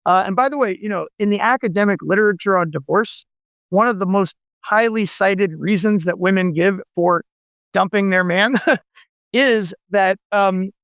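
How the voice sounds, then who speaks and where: Speaking at a normal pace, this man has a high, slightly bright voice that is clear and resonant, recorded with no echo. He's a novelist in his forties guesting on radio, chatting informally in a rambling style with plenty of fillers and restarts.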